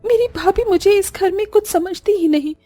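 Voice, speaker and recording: A woman's voice: extremely high pitch, normal speed, darkish tone, voice pushed up. A woman doing a timid, meek young girl. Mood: tearful. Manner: pleading, submissive. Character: meek, overworked young sister-in-law, timid.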